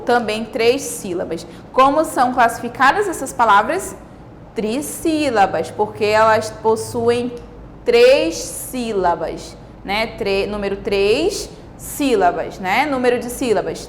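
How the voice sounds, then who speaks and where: Brazilian woman, primary teacher, video lesson; patient and drawn-out, slightly high pitch, faint background noise. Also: animated. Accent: Brazilian Portuguese. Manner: patient, slowly stretches out example words, frequent "né?" and "tá?" checks. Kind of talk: recorded grammar video lesson.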